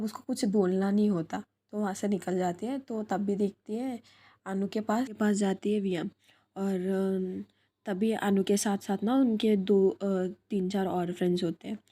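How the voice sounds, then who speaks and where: A woman's voice: medium pitch, mellow. A young woman casually telling a love story, with loose, unscripted narration. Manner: casual, many fillers and restarts.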